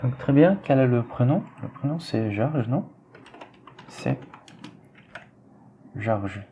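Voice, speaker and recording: Man, French teacher, dark mellow voice, patient drilling, faint typing behind. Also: mid-range voice, lively intonation, a little hiss or hum. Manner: slow and patient, repeats words for drilling. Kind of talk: classroom explanation while writing on screen.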